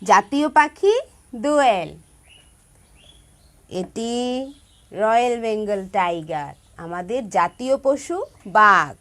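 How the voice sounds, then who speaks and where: A female music teacher from Bangladesh gives a song lesson to primary school children, patiently emphasizing careful pronunciation and checking in with her pupils. Her mid-range voice is fairly bright with lively intonation, and she speaks slowly, pausing often.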